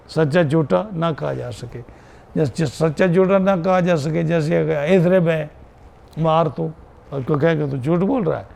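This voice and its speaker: A man's voice: a little high, vocal fry, darkish tone. A man teaching a classroom lesson on Arabic grammar, repeating key terms and checking in with his students.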